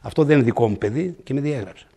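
A man's voice: mid-range voice, expressive, dark tone. An older man telling humorous, self-mocking stories in an interview, quoting people vividly. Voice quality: gravelly and husky. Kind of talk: anecdotal storytelling.

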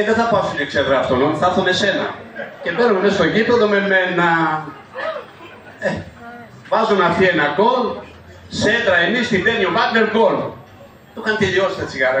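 A high-voiced older man recounts old stories and acts out what others said. He is recorded from a distance in a very echoey room. A crowd can be heard behind him. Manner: lively, quotes people vividly, chuckles through stories. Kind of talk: anecdotal storytelling.

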